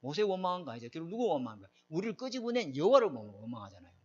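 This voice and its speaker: A man's voice: a little high, sing-song, rapid-fire, a little mellow. A middle-aged man preaching a sermon, emphatic and often asking his congregation questions. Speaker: pastor. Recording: dull lo-fi recording.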